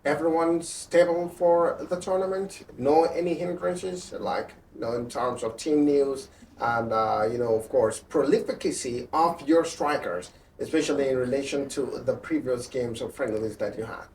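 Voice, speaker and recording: A man's voice: mid-range voice, normal speed, hardly any pauses, a little mellow. A man interviewing a football captain, asking long rambling questions full of fillers. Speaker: sports interviewer. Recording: roomy, distant mic with light noise.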